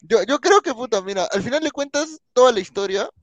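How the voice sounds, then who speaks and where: A man's voice: extremely high pitch, expressive, fairly quick, dry recording, muffled recording. A man with a Peruvian Spanish accent, co-hosting a casual stream, slangy and swearing freely. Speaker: stream co-host. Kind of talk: casual chat.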